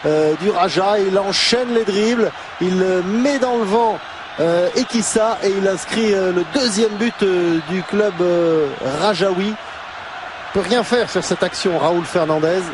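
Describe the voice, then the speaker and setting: A man's voice: high-pitched, unhurried. A man giving live football commentary as second commentator, analysing replays in hesitant, tag-filled phrases. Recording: clear ambient noise behind the voice.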